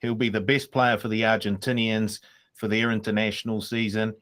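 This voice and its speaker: A man's voice: lowish voice, level tone, moderate pace, fairly bright tone. A man giving a short, direct pick as a podcast panelist. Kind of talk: casual sports chat.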